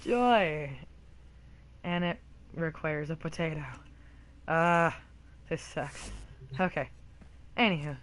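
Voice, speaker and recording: A woman hosting a casual gameplay video, chatty and rambling with bursts of excitement, still a bit rough-voiced from a cough. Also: sits low, slow, long pauses.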